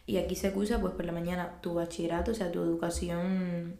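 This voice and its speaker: There's a gravelly, lowish edge to this young Cuban woman's brisk voice as she chats on a podcast. She tells her stories with animation, acting out what people said, and the room's echo is noticeable.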